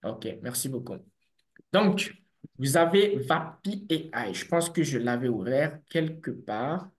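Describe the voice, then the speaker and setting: Animated man presenting in an echoey room. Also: medium pitch, measured pace. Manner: animated, conversational, addresses audience directly. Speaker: software developer and business owner presenting. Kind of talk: conference talk with screen share.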